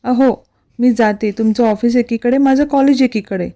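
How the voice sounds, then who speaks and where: A woman's voice: fairly high pitch, moderate pace, dark tone, natural voice. A woman voicing a pouting young bride. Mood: pleading. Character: young woman, playful newlywed student.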